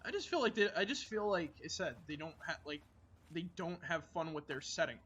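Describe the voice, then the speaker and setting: A man with a high voice talks through a game stream, looping back on himself with constant likes and false starts. A faint hiss sits under his voice. He sounds like he is chatting casually with a friend. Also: animated, a little fast, fairly bright tone, muffled recording. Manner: rambling, full of filler likes and restarts. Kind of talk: casual gaming chat.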